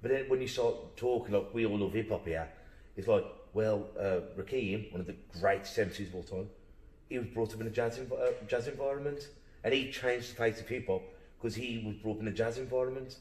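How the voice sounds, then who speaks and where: A man's voice: on the low side, brisk, darkish tone. A man hosting a podcast, talking in an enthusiastic, rambling, jokey way. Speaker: podcast host. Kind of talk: casual podcast chat. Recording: roomy echo.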